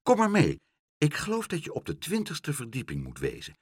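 Brief: man playing a friendly storybook boy, voice lifted a little, slightly husky, very dry. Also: fairly high pitch, huge pitch swings, moderate pace, no room sound, pitched above the performer's own voice, exaggerated voice. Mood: kind. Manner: kind, lightly raised storybook voice. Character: friendly helpful young boy.

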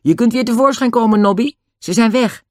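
A man voicing a calm, brave boy on a holiday adventure, speaking steadily. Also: a little high, brisk, dry recording, clean studio sound, pitched above the performer's own voice. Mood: steady.

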